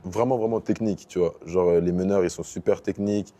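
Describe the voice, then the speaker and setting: A man's voice: low voice, steady tone, fairly quick, dark tone. A young man from Paris answering interview questions casually, easing into English basketball terms. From Paris, France. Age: young adult. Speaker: basketball player guest.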